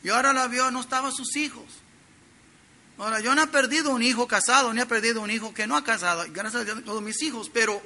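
A middle-aged man preaching an expository sermon, teaching earnestly and swinging between loud emphasis and soft, quiet drops. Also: extremely high pitch.

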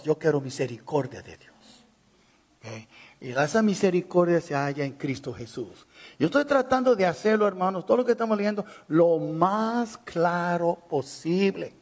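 A pastor preaching a sermon to his congregation, pressing his points hard, then dropping to low, quiet warnings. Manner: emphatic, swinging from raised insistence to low, quiet warnings. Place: church, speaking to a congregation.

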